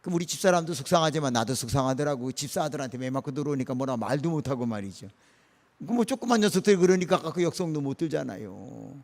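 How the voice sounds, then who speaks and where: A man's voice: mid-range voice, fast talker, creaky. Emphatic male pastor in an echoing church. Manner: animated, emphatic, folksy asides to the congregation. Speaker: senior pastor. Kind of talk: early-morning sermon. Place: church sanctuary. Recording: long reverb of a church hall.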